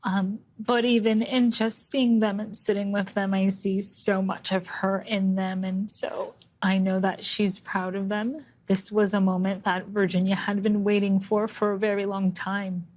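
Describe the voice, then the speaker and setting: Woman, interview guest, reflective, flat pitch. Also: measured pace, hardly any pauses. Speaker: interview guest, sister-in-law of a victim. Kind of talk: live news interview.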